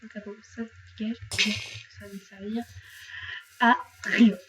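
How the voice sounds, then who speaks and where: A woman's voice: medium pitch, little pitch movement, measured pace, background noise. A young woman chatting playfully to her viewers while she plays, talking to objects and joking about crying. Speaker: gaming youtuber. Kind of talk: casual let's play commentary.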